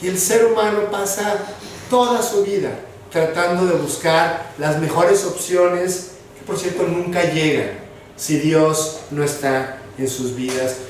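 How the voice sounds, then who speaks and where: A man's voice: high-pitched, a little hiss or hum. A man preaching a sermon as pastor, earnest and direct, talking straight to his listeners. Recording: echoey hall, voice from far off.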